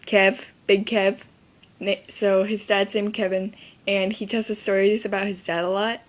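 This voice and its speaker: A woman's voice: medium pitch, little pitch movement, unhurried. A teenage girl telling a rambling story to camera in a casual vlog, near tears and full of fillers, filmed on a handheld device. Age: teens. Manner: rambling, sidetracked, many fillers. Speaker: vlogger.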